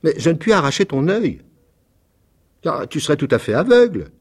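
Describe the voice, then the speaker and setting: Storybook: man voicing a young male swallow, high, eager, tremulous, soft-hearted. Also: very animated, normal speed, breathy edge. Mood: tender pleading. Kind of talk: storybook reading.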